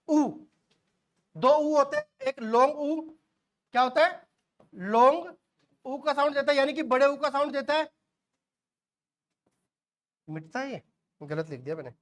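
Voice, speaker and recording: Quizzing teacher with homely asides. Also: male voice, extremely high pitch, fairly bright tone. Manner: quizzing, asks and answers his own questions. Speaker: shorthand teacher. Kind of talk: classroom lecture.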